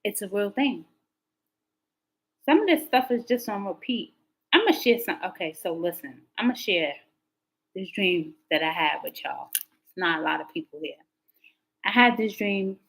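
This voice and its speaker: In a low-quality recording, a woman leads a live tarot stream, chatting informally with viewers and rambling through stories, pitch lifting sharply when excited. She keeps a moderate pace and pauses often.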